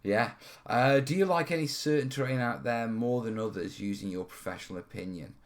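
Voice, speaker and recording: A man from North Wales talks a little fast in a mid-range voice while hosting a live terrain-modelling stream from a studio. The chat is casual and meandering as he takes questions, with plenty of "yeah" and "you know" along the way.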